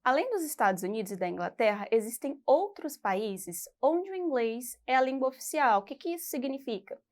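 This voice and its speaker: Brazilian woman teacher, slightly high voice, patient explanatory lesson delivery. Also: big pitch swings, brisk. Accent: Brazilian Portuguese. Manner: patient, explanatory, frequent "tá?" check-ins. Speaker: English teacher. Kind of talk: educational video lesson.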